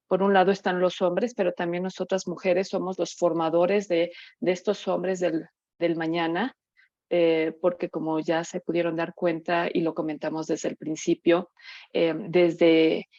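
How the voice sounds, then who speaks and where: A woman's voice: lowish voice, a little mellow, no echo. A woman giving a workshop talk on grief, conversational, with frequent fillers and tag questions. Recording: dull, dry sound.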